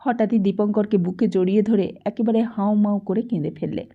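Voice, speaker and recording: A woman reading a novel aloud as an audiobook narrator with calm storytelling, in a dull lo-fi recording. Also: mid-range voice, fairly quick. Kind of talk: scripted narration.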